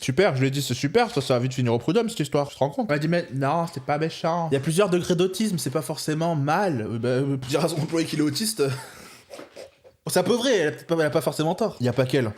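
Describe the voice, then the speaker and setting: A young man on a live stream, joking and slangy as he answers his chat. His voice sits a little high and swings up and down with animated energy, and the words come out quickly.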